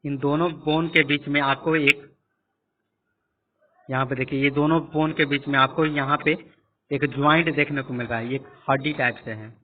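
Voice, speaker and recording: A man teaching a class lecture, explaining each point slowly and repeating questions to the students. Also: medium pitch, fairly even intonation. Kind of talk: classroom lecture with screen annotation. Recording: tinny phone-like audio.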